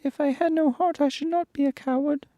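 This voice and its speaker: Storybook lion, male, timid and sorrowful; extremely high, soft-toned, closely dry. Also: fairly even intonation, fairly quick, dry recording, muffled recording. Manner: mournful, confessional storybook delivery.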